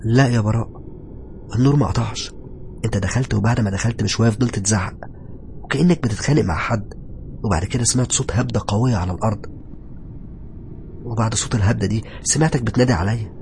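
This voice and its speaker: A man voicing a worried young new bride with an Egyptian accent, pleading and high-strung in a spoken horror story. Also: fast talker, creaky, pauses often, a little mellow, a little hiss or hum. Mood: puzzled. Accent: Egyptian Arabic.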